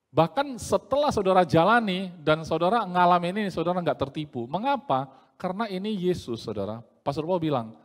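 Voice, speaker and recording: A man preaching a sermon in a lively, joking way, often acting out the voices he quotes. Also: fairly high pitch, big-room sound.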